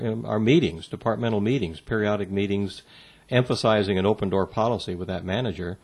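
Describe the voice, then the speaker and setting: Halting low-voiced man, interview guest. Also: darkish tone. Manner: measured, halting, many fillers and restarts. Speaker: interview guest on workplace communication. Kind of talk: answering interview questions.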